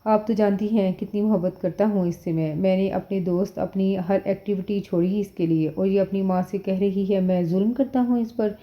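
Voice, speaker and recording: A man's voice: sits high, steady tone, hardly any pauses, lightly acted. A woman reading the part of an angry young husband in an audio novel, speaking in a clipped, sarcastic way, on a dull lo-fi recording. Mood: aggrieved.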